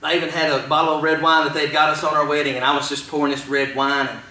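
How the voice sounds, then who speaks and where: A man in his thirties with a bright, high voice gives a testimony sermon, telling his story in a storyteller's way. He is picked up from a distance in a booming church hall with faint ambience behind him. He drops to a hush for some stretches and climbs to a shout for others. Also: flat delivery, fast. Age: 30s. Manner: storytelling, swinging from hushed to shouting. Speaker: pastor. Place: large church sanctuary. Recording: echoey hall, distant mic.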